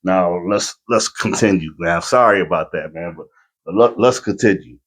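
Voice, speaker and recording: A man's voice: low voice, moderate pace, husky. A man hosting a reaction video, giving casual spiritual commentary and explaining things familiarly to his viewers.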